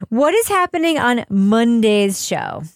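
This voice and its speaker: A woman hosting a podcast, chatty and animated, sometimes giggly. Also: fairly high pitch, unhurried, clean tone, dry recording, studio quality. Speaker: podcast host. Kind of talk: casual podcast chat and read promo.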